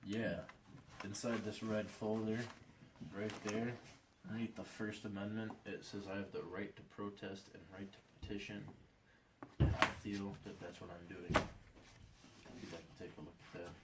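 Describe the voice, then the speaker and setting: A man's voice: fairly low pitch, flat delivery, normal speed, natural voice. A man playing a football player who argues for his right to protest in an amateur skit, speaking plainly and earnestly. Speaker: player in a mock hearing. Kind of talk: amateur school skit acting. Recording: echoey room from far off, faint noise.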